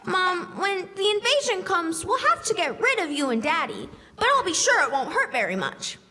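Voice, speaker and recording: Woman playing a very high, excitable little girl. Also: normal speed, slight background noise, exaggerated voice. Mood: matter-of-fact. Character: excitable, stubborn young girl obsessed with an invasion game. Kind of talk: live stage radio drama in classic style. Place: on stage in a school hall. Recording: echoey hall, live stage performance.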